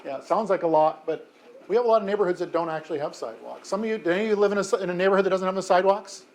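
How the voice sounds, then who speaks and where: A high-pitched American mayor in his fifties talks rapid-fire while fielding children's questions in an elementary school classroom. He's friendly and chatty, often saying um and correcting himself.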